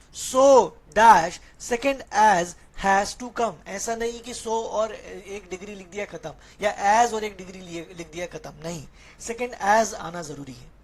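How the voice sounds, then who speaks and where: A woman with an Indian accent teaching English grammar in an online class, switching between Hindi and English and putting questions to her students. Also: medium pitch. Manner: explaining patiently, asking students questions and reading their chat.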